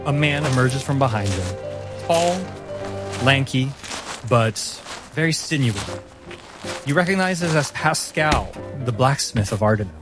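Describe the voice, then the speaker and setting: A man's voice: medium pitch, lively intonation, over music. A man narrating a tabletop fantasy game as game master. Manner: slow, descriptive.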